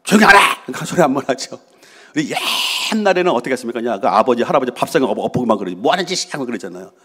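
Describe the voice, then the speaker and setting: A man's voice: mid-range voice, animated, very fast, husky. A middle-aged man, preaching a sermon to his congregation as pastor in a conversational way, asking questions and answering them himself. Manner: acts out voices of quarreling people. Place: church sanctuary.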